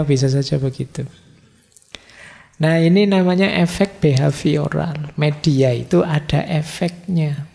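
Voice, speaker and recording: A middle-aged man lectures on philosophy in a casual, teasing way. His voice is mellow and slightly high, with a gravelly fry. A long hall reverb trails behind every phrase. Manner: conversational, teasing examples, rhetorical questions. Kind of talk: casual Javanese-tinged lecture. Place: large mosque hall.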